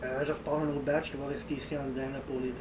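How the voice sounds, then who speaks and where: A man with a Quebec French accent, talking through his hand over his mouth in a relaxed way while tasting peppers for a casual vlog. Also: mid-range voice, rapid-fire, reverberant, far from the mic, noisy background. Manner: relaxed, thinking aloud with fillers. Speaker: hot pepper taster. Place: home room indoors.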